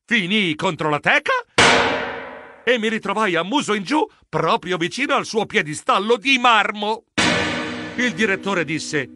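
A man giving animated, expressive narration of a children's audiobook, voicing a flustered mouse hero. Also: sits high, unhurried, over loud music. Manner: expressive, excitable.

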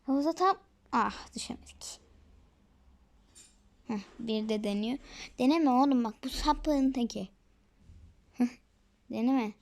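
A woman's voice: a little high, takes it slowly, gravelly, pauses often, darkish tone. A woman casually commenting on her game for viewers, chatty and often dropping to a whisper. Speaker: gaming video creator.

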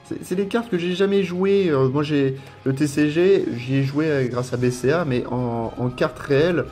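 A man's voice: fairly high pitch, normal speed, darkish tone, faint music behind. A French man casually commenting as he unboxes a card collection, rambling and repeating words as he lists card names. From France. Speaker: YouTuber unboxing trading cards.

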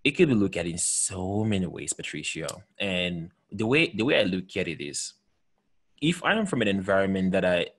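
Hosting a video call from a bookshelf-lined room at home, a man in his thirties from Cameroon speaks at normal speed in a low, fairly bright voice with big pitch swings. His manner is earnest and emphatic, marked by many restarts and repeated words, picked up through a headset and desk mic.

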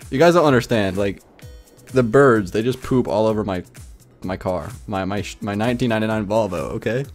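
On a gaming livestream, a young man with a fairly low voice rants animatedly and briskly in casual chat, rambling and stuffing his sentences with "like." Faint music plays quietly in the background.

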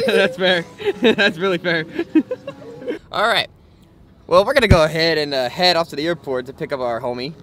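A man's voice: a little high, very animated, normal speed, fairly bright tone. A young man hosting a casual vlog from inside a vehicle, laid-back and joking, laughing often. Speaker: vlogger host.

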